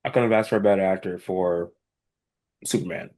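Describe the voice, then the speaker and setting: Man, podcast co-host, deep voice, blunt, swears, casual chat. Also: fairly even intonation, fairly quick, darkish tone. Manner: blunt, swearing, searching for words. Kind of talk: casual movie review chat. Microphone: podcast microphone.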